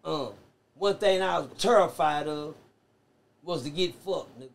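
A man telling prison stories in a casual podcast chat, animated and profane, acting out the voices of other people. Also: on the high side, measured pace, vocal fry. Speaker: podcast guest.

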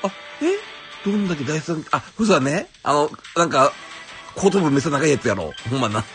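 A man with a Kansai accent giving casual, excitable commentary as he pulls characters in a game, exclaiming and musing aloud. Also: on the high side, a little fast. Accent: Kansai Japanese. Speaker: gaming YouTuber. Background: game music.

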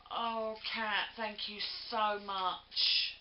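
A woman's voice: mid-range voice, little pitch movement, very slow, a little hiss or hum. Gushing woman, roomy lo-fi sound. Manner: gushing, effusive, many breathy "oh"s. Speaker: crafting vlogger. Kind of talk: gift unboxing vlog. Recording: lo-fi home video, roomy.

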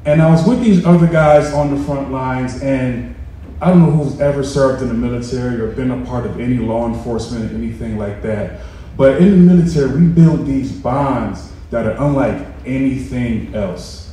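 A man in his thirties gives a heartfelt personal talk, rising to forceful emphasis at key moments. His voice is warm and dark. It carries through a big, boomy meeting room, picked up from some distance with faint room noise behind. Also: normal speed, very echoey. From Rochester, New York. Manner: earnest, building to emphatic peaks. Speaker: veteran speaker. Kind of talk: personal story speech. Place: large hotel meeting room, indoors. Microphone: handheld mic heard from far off.

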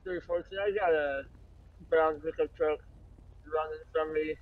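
A man's voice: fairly high pitch, steady tone, a little slow, phone-quality sound, a little hiss or hum. A man playing a patrol officer, calling in over police radio in clipped, matter-of-fact codes. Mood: urgent. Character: male patrol officer in a roleplay game. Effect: police radio call.

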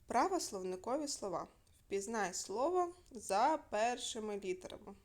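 Teacher, woman, recorded remote lesson for young pupils, clear and patient, quizzes and answers herself. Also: medium pitch, lively intonation, normal speed, darkish tone. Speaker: primary school teacher.

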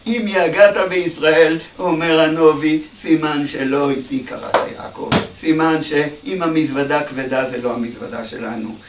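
A male rabbi giving an animated ethical sermon in a study hall, sometimes raising his voice to a shout. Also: a little high, hardly any pauses. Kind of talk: sermon with a parable. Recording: echoey room, distant mic, faint hum.

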